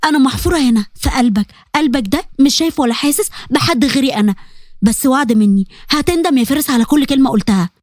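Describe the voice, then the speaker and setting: A woman's voice: sits high, fast talker, dry recording, studio quality, lightly acted. A woman playing a bitter, vengeful young woman. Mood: threatening. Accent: Egyptian Arabic. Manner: bitter, threatening.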